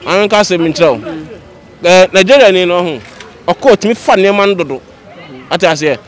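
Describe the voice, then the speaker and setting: Emphatic high-pitched Ghanaian man. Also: fairly quick. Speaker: market trader being interviewed. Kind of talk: street interview. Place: outdoors at a busy roadside at night. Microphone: handheld reporter microphone held to his masked mouth.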